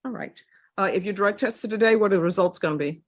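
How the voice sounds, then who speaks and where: A woman presiding as judge in a courtroom recording, putting formal questions in a brisk, businesslike way. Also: medium pitch. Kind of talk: formal plea hearing questioning.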